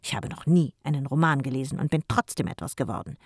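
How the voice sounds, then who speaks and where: Fussy businessman uncle, grumpy and bossy, raised and loud, put on by the audiobook reader, dry close recording. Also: medium pitch, fast talker, slightly rough, no echo, lightly acted. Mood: scolding.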